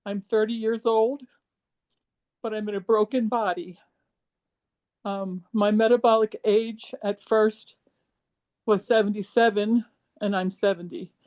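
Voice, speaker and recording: A woman of seventy giving a personal testimonial, emotional and halting, with many ums and restarts. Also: medium pitch, steady tone, darkish tone. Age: 70s. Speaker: program participant.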